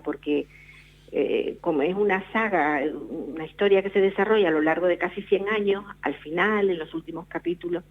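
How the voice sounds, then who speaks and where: A middle-aged woman from La Palma, a novelist telling her story in a radio interview, often restarting her sentences. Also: fairly low pitch. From La Palma, Canary Islands. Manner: reflective storyteller with frequent restarts. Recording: tinny phone line.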